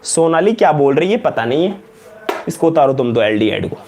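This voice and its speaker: Male chemistry lecturer with a Rajasthani Hindi accent and a high voice. Loud, emphatic, drills each point by repeating questions to the students. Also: very animated, brisk, a little hiss or hum. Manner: repeats questions to students, calls them beta and janab. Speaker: chemistry teacher. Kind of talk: live online lecture in Hindi.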